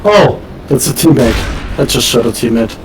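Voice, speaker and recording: A man's voice: medium pitch, lively intonation, moderate pace, vocal fry, noisy background. A man chatting and joking with teammates while playing an online game. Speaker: player on voice chat. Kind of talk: casual game chat.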